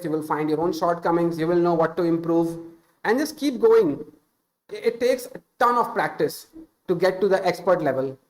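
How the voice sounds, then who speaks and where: A man whose voice sits high speaks over poor audio. In his thirties, with Hindi as his first language and an Indian accent, he streams off-the-cuff guidance on speaking English, sounding earnest and sprinkling in small "uh"s and self-corrections.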